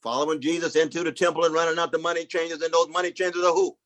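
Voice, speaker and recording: A man's voice: fairly high pitch, level tone, racing, fairly bright tone. A man giving impassioned political commentary in a preacher-like way, calling others "Brother" and "Sister". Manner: rhetorical, uses religious address like "Brother" and "Sister".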